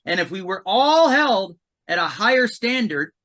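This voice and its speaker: A podcast guest who works as a commissioning consultant speaks at a normal speed in a bright, high voice. He's emphatic and animated in the casual conversation, often repeating words.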